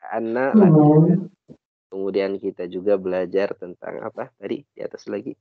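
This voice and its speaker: Indonesian guy teaching arabic online, patient, low voice, muffled call sound. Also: level tone, fairly quick, dry recording. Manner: patient, corrects and translates phrases. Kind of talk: online class instruction.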